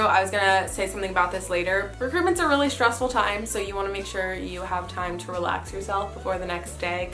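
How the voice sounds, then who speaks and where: A woman's voice: fairly low pitch, a bit bright. A young woman talking in a chatty, informal way, giving casual advice in a vlog style. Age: young adult. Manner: chatty, informal, frequent "super" and "like". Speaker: sorority member giving recruitment advice. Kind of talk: casual advice vlog, reading messages and commenting.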